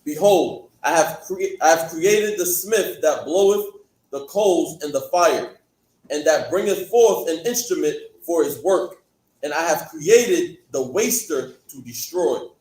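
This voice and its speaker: A man reading scripture aloud to a class, slow and deliberate. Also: on the high side, animated, darkish tone. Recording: echoey room, distant voice.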